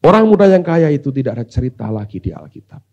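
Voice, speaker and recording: A male pastor preaching a sermon. He switches between hushed asides and loud, dramatic exclamations. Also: mid-range voice, big pitch swings, fast, dull audio.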